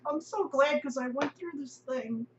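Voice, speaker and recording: Woman, middle-aged, vlogger, rambling self-deprecating chat, higher voice, dull lo-fi recording, faint hum. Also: normal speed. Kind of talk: casual chat to camera.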